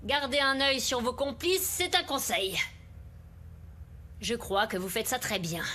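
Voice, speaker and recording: Fierce, high-voiced defiant mother. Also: measured pace, pushed and bright, slight background noise. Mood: scornful. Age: middle-aged. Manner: intense, insistent, theatrical. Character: fierce, defiant mother confronting her enemies. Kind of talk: dubbed TV soap drama acting. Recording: dramatic music under studio dub.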